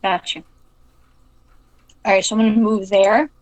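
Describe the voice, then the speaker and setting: A woman's voice: mid-range voice, flat delivery, measured pace, no room sound, low-quality recording. A woman playing a tabletop game over voice chat, thinking aloud in a casual way and swearing when flustered.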